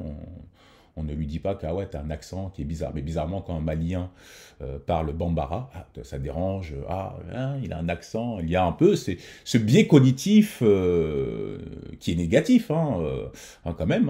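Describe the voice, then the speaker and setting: A man's voice: low voice, mellow. A man hosting a reaction video, talking casually with many hesitations and restarts. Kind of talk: casual commentary.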